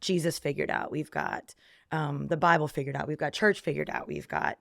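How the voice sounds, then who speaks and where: A woman's voice: sits low, sing-song, normal speed, gravelly, fairly bright tone, dry recording, clean studio sound. A woman guest on a podcast giving a reflective faith testimony, with frequent ums, acting out her own past thoughts in quoted lines.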